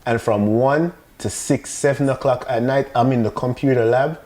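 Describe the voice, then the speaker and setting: Mellow Jamaican-accented man telling his story. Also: mid-range voice, fairly even intonation, normal speed. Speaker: podcast guest. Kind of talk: casual personal storytelling.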